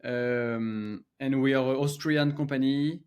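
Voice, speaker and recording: A middle-aged man from France with a French accent, a co-founder appearing as a gallery guest on a podcast interview, speaks haltingly with many filler pauses and restarts. His medium-pitched voice is smooth and darkish, with fairly even intonation.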